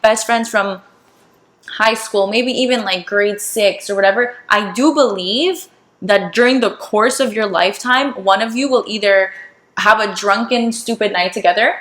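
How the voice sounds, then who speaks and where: A woman's voice: mid-range voice, normal speed, fairly bright tone. A young woman co-hosting a podcast in casual chat, blunt and swearing freely, acting out quoted dialogue. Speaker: podcast co-host. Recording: roomy echo.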